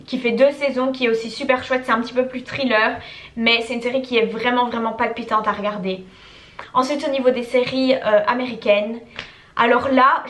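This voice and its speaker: A woman's voice: a little high, fairly bright tone. A young woman vlogger chatting enthusiastically with some hesitant fillers, giving casual recommendations. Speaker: language-learning YouTuber. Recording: echoey room.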